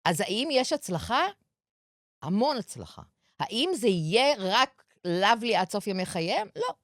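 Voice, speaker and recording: A woman's voice: medium pitch, big pitch swings, dry recording, studio quality. A woman who works as a couples and family counselor talks on a podcast, explaining in a lecturing way and acting out what spouses say. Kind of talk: podcast conversation.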